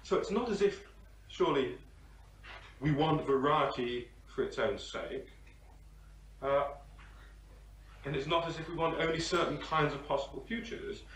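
Male questioner, mid pitch, hesitant, roomy distant audio. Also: unhurried, pauses often, fairly bright tone. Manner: searching, hesitant, builds his argument at length. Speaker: audience member asking a question. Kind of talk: discussion question. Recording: roomy sound from far off the mic, faint hiss.

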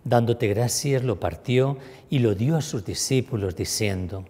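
A man, a priest, celebrating Mass, praying in a solemn, measured way in a church. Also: mid-range voice, mellow, slightly rough. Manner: solemn, measured liturgical prayer. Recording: echoey church with long reverb.

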